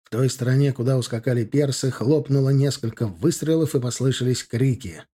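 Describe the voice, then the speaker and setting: A male audiobook narrator reads a historical war story. His delivery is steady and measured. The voice sits mid-range with a dark, mellow tone. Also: mid-range voice, breathy edge. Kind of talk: scripted narration.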